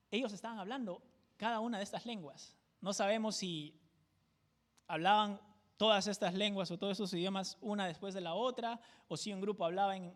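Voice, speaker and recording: A man teaching a verse-by-verse Bible study in a conversational way, often checking in with tag questions. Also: high voice. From Peru. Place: church.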